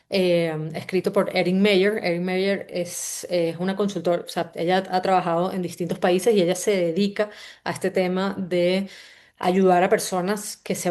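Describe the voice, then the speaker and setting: A Venezuelan-accented woman with a lowish voice opens an online session as its host. She speaks in a relaxed, conversational way, welcomes people, and often loops back to restart a phrase as she goes. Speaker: host and company CEO. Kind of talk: live online book-summary session.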